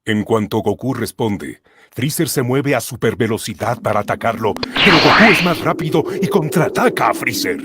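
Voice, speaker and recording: A man's voice: mid-range voice, animated, normal speed, pushed and bright, slight background noise. A man narrating a cartoon episode like a storyteller, adding comic asides. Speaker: storyteller, streamer.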